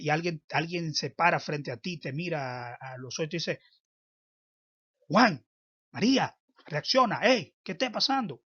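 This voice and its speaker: A man teaching a Bible lesson in a preaching style, with emphatic, drawn-out phrasing and sudden loud stresses. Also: a little high, breathy edge. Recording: dull lo-fi recording.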